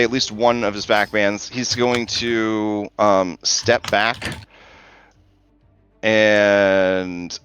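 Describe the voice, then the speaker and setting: A man's voice: lowish voice, fairly bright tone, muffled recording. A man working as game master, narrating a tabletop game in a casual, conversational way.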